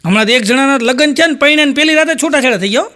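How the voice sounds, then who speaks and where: A man telling stand-up jokes, acting out the characters' lines in a higher voice. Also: very fast, sharp tone. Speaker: stand-up comedian.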